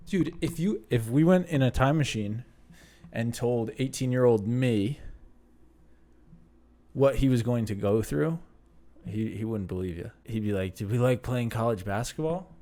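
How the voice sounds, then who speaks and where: A man's voice: mid-range voice, a little mellow. A man in his late twenties hosting a casual question-and-answer video for his channel, rambling and self-deprecating as he talks things through with frequent restarts. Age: late 20s. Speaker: channel host. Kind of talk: casual Q and A vlog.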